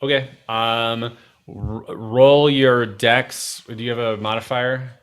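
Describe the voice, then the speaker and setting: A man acting as game master, narrating a tabletop fantasy game casually and haltingly as he searches for words. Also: medium pitch, fairly even intonation, fairly bright tone, clear, resonant tone.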